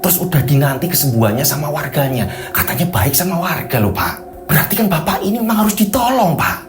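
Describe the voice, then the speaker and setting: A man's voice: fairly high pitch, very animated, quick pace, roomy sound, noisy background. A man voicing a healer's middle-aged wife, scolding and questioning her husband. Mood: nagging.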